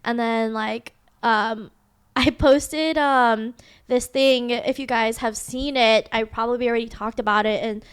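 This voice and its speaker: A woman's voice: a little high, fairly even intonation, measured pace, clean tone. A young woman co-hosting a podcast, telling a long story in casual chat, full of fillers. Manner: rambling storytelling, many fillers. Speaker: podcast co-host.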